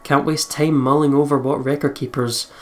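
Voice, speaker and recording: Over game music, a let's play commentator with a mid-range voice reads a visual novel aloud at a moderate pace. His narration is expressive and storylike, punctuated by casual, joking asides and some swearing.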